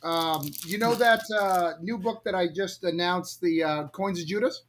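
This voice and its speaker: Bright high comic writer guy, telling a story on himself. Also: normal speed, a little hiss or hum. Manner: self-deprecating, storytelling. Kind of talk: casual livestream chat.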